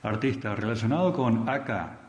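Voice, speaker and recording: A man's voice: lowish voice, normal speed. A Uruguayan man interviewing for radio, asking brief, direct questions. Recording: echoey room with long reverb.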